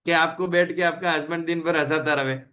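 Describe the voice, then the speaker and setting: A man's voice: a little high, fairly even intonation, fast, sharp tone. A man hosting a health channel, giving a casual motivational talk, chatty and full of rhetorical questions, mixing languages.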